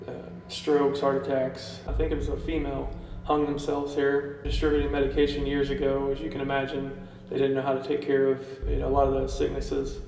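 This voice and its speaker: A man's voice: mid-range voice, creaky, warm tone. A man in a somber, reflective tone recounting the building's grim history. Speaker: paranormal investigator recounting site history. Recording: distant mic in a reverberant hall with faint hiss.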